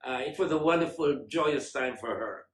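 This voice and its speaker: A man giving a fond, reminiscing eulogy with gentle self-mocking humor. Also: medium pitch, lively intonation, normal speed. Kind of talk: memorial eulogy. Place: large school hall. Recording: echoey hall.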